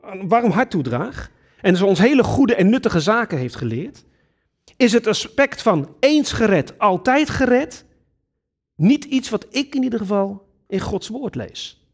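A man's voice: high-pitched, measured pace, husky. A man preaching a sermon, earnest and emphatic, addressing his congregation directly. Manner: earnest, lively preaching with sudden emphatic rises.

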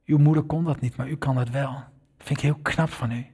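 A man voicing a gentle male nurse, speaking softly, slowly and tenderly in a sermon story. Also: medium pitch, fairly even intonation, breathy edge. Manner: soft, slow and tender.

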